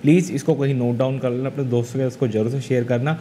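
A man's voice: mid-range voice, very fast, slight background noise. Chatty young man explaining to camera. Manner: chatty and animated, gestures while talking. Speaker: vlogger. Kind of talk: casual explainer vlog. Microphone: lapel mic.

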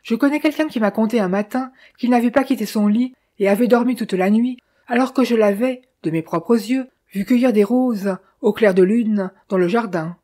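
A woman's voice: fairly high pitch, normal speed, hardly any pauses, dark tone, close to an everyday voice. A woman reading a stern, insistent older brother. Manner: insistent, questioning, reasoning. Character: stern man pressing his brother to confess.

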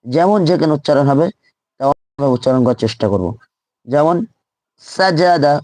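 A man's voice: medium pitch, fairly quick, warm tone, dry recording. A man teaching Quran reading in a live online lesson, drilling letters and syllables aloud and repeating each one patiently.

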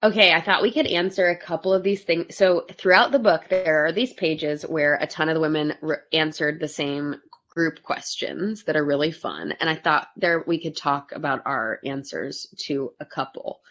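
Low-voiced woman moderating a panel. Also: normal speed, a bit bright. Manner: laughing often, filler-heavy. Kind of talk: casual panel chat. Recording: dull lo-fi audio.

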